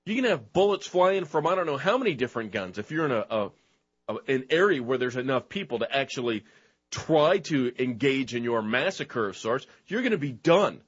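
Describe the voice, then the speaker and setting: A man's voice: mid-range voice, big pitch swings, brisk, husky. A man hosting a talk show, ranting in combative commentary, mocking and name-calling his targets. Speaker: show host. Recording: dull lo-fi recording.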